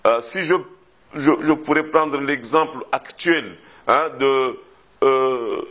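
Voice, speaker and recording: A man from the Comoros, a historian answering interview questions in a measured, thoughtful way, often hesitating and repeating words as he thinks. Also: medium pitch, a bit bright. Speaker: historian interviewed about his thesis.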